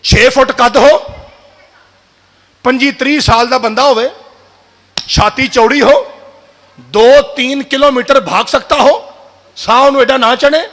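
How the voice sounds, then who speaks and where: A man preaching a sermon, fiery and addressing the crowd directly, rising to shouts. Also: very high-pitched, fairly even intonation, long pauses. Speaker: preacher at a religious gathering. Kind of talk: sermon with call-and-response. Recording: long hall reverb.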